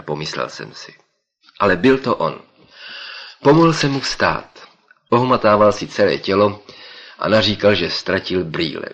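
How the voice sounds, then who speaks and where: Deep-voiced male audiobook narrator. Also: a bit bright. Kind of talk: first-person scripted narration.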